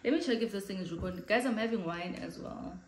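Talking quickly at a medium pitch, this chatty South African vlogger in her late thirties has a big voice and chats casually to camera in her living room, in front of a sofa. She gestures animatedly and slips in Xhosa phrases, and the room adds echo.

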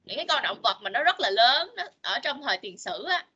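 A woman, an English teacher on a video call, patiently coaxing children and modeling words slowly for them to repeat. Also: fairly high pitch, sing-song, bright, forceful tone, breathy edge, highs cut off. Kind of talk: online English lesson for children.

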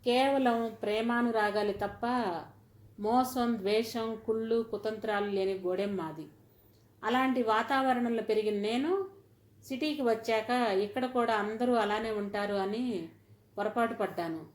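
A woman's voice: on the high side, unhurried, close to an everyday voice. A woman voicing an anxious, tearful young newly married wife who pleads hesitantly. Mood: confiding. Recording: roomy echoey recording.

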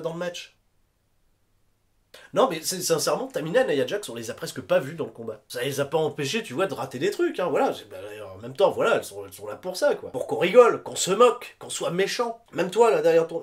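A man giving a casual, slangy review, talking straight to his viewers with playful exclamations. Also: fairly high pitch. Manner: addresses viewers directly. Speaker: wrestling show reviewer. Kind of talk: casual commentary vlog.

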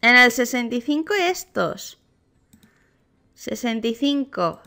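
A Spanish woman with a Spain accent commenting casually on a video game as a youtuber. Her voice is bright and a little high, and her pace is slow. She breaks into excited, gushing exclamations as she reacts. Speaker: gaming youtuber.

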